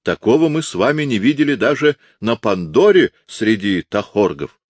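A man's voice: lowish voice, big pitch swings, normal speed, dry recording, pitched above the performer's own voice. A man voicing a pompous, officious fake male starship navigator who lectures everyone. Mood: haughty.

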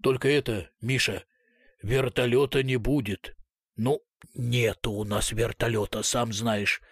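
A man voicing a gruff older male police colonel speaking in an offhand, grumbling way. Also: mid-range voice, fairly even intonation, a little slow, no room sound, clean studio sound.

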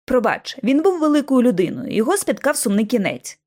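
A composed young male agency leader speaks calmly and courteously in a storybook audiobook, read by a woman. The voice sits a little lower than her narration but stays lively in its melody. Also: brisk.

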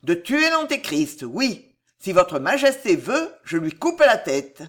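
A woman's voice: lowish voice, sing-song, slow pace, exaggerated voice. A woman reading an audiobook, voicing a simple-minded giant male hired killer who speaks bluntly. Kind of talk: audiobook character voice.

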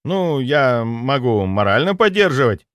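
A man voicing a bodiless young male ghost who is touchy and excitable, eager to help, in an audiobook. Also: medium pitch, a little slow, dry recording, clean studio sound.

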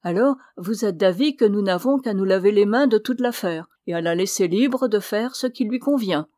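A woman reading aloud voices a cool, controlling elderly mother in an audiobook. She speaks in a calm, measured, quietly persuasive way, at a middle pitch. The recording is close and dry. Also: dry recording, close to an everyday voice. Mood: coolly persuasive.

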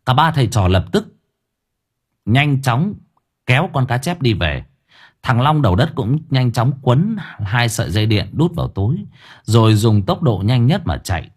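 A man narrating an audiobook story in a lively, earthy storytelling manner, with a husky voice. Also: medium pitch, moderate pace.

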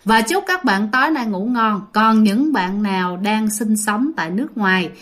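A woman's voice: medium pitch, expressive, normal speed, fairly bright tone. A woman with a Southern Vietnamese accent casually telling a ghost story as host of her channel, rambling with fillers, her voice a little worn and sore. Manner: chatty, rambling, with many fillers.

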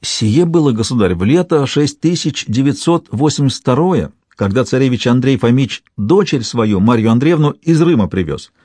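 A man's voice: mid-range voice, expressive, moderate pace, few pauses, darkish tone, husky, no room sound, studio quality, pitched above the performer's own voice. A man reading aloud, voicing a frightened boyar treasurer who pleads in archaic courtly speech with a raised voice. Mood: earnest.

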